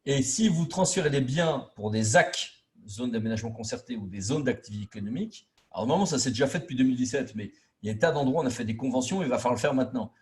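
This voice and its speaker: Expressive and fast, his mid-range voice is a little mellow. As a trainer teaching local officials about intermunicipal law, he lectures informally in a didactic, colloquial way, emphasizing key words and performing imagined quotes.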